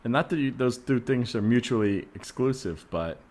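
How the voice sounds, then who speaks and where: Lightly acting, a man at medium pitch and normal speed plays a wary, doubtful everyday neighbor in an improvised comedy podcast bit. His reasoning is patient, his manner hesitant and deadpan.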